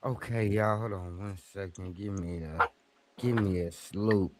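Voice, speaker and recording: A man's voice: sits low, steady tone, measured pace, very noisy. A man hosting a podcast in easygoing, informal casual chat, steering the show through its agenda. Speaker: podcast host.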